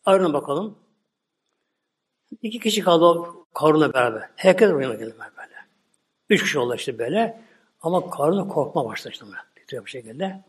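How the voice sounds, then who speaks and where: A man's voice: a little high, very animated, quick pace. A man preaching, retelling a religious story animatedly with many repeated filler words. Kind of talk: sermon storytelling.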